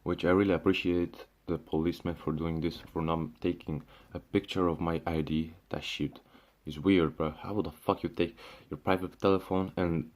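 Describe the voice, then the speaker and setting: In a low, slightly mellow voice with fairly even intonation, this young Syrian vlogger talks at a moderate pace with hardly any pauses. His casual rant is full of restarts and fillers, plus swearing and "bro."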